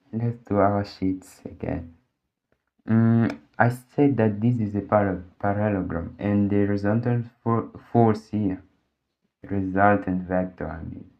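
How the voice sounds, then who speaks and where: Speaking very slowly on dull, lo-fi audio, a low-voiced tutor who natively speaks Portuguese solves a physics problem at the board. His speech halts as he reasons out loud, often restarting sentences and using many fillers.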